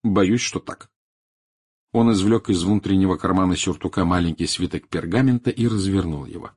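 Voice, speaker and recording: A man narrating an audiobook in a steady storytelling manner. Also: deep voice, fairly quick, husky. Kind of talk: scripted narration.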